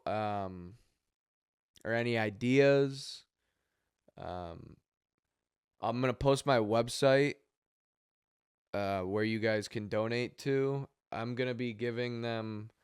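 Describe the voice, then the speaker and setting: A man making a heartfelt appeal for a charity he runs, talking haltingly with sighs and pauses, his voice catching with emotion. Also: mid-range voice, clean tone, dry recording, clean studio sound. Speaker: charity organizer. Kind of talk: heartfelt direct-to-camera appeal.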